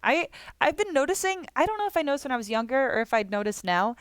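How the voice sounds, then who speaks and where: A woman's voice: high-pitched, big pitch swings, fast talker, clean tone, no room sound. A woman streamer chatting casually and rambling while she draws requests, laughing often and swearing offhand. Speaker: streamer drawing viewer requests. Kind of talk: casual live-stream chat.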